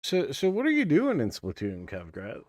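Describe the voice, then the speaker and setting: A man doing casual live gameplay commentary in a bemused, halting way. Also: medium pitch, wildly swooping pitch, no room sound, studio quality. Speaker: live streamer playing a video game.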